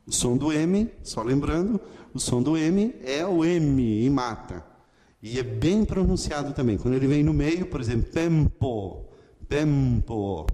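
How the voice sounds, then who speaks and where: Slow, animated man teaching. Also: fairly high pitch, big-room sound. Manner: explains slowly, often checks with "ok?". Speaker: Greek teacher. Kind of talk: online lesson at a board.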